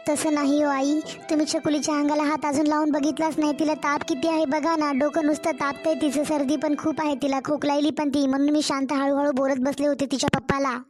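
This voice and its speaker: A woman's voice: high voice, flat delivery, brisk, darkish tone, faint music behind, lightly acted. A woman with a Marathwada Marathi accent voicing a distressed young mother who complains and pleads in a cartoon story. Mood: pleading.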